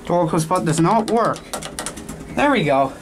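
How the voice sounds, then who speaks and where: Filming on a handheld phone at a train station, a man with a high, expressive voice narrates an elevator ride at normal speed. He matter-of-factly lists the elevator's details over noisy station ambience and passing trains.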